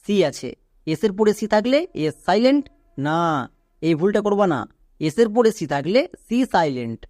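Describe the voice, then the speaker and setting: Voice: mid-range voice, a little mellow, no echo. Patient pronunciation teacher, dry close sound. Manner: patient, repetitive, asks the listener questions. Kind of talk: spelling-out classroom lesson.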